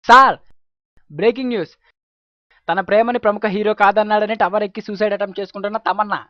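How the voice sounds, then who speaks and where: A man's voice: high-pitched, fairly even intonation, quick pace, dry recording, lo-fi sound. A man performing a comic spoof interview, switching between a fawning anchor and a vain star. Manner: playful, mock-pompous banter.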